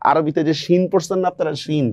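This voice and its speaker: A man's voice: fairly high pitch, fairly even intonation, fast, a little mellow, no echo, clean studio sound. A man teaching a grammar lesson on pronunciation, explaining step by step and often checking that students follow.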